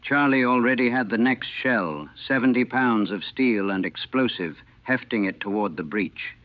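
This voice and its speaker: A man's voice: medium pitch, normal speed, no echo. A man in his sixties, a navy veteran, recalling a battle in a plain, matter-of-fact way on an old 1940 recording. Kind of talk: first-person war reminiscence. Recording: thin, dry, phone-like old recording.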